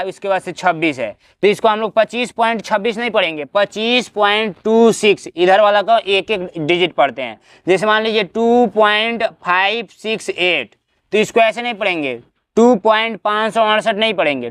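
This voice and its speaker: A man teaching a maths lesson for exam prep, walking his students through each step and checking that they follow. His voice sits high and rings clear. The recording is dry and close. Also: a bit bright, no echo. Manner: explains step by step, tag-question fillers.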